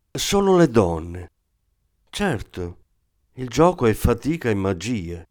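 A man voicing an older former croupier, a German woman who speaks with calm, condescending irony. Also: on the low side, no room sound, clean studio sound, lightly acted.

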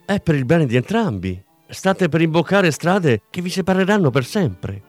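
A man's voice: a little high, very animated, normal speed, faint music behind, voice pushed up. A man reading aloud, voicing a blunt, tired police inspector in short, curt lines. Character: tired hard-nosed male police inspector.

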